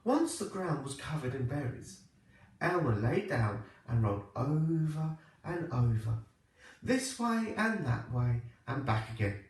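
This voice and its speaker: A man reading a children's storybook aloud like a primary teacher, with expressive, deliberate phrasing. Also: mid-range voice. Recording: echoey room, distant microphone.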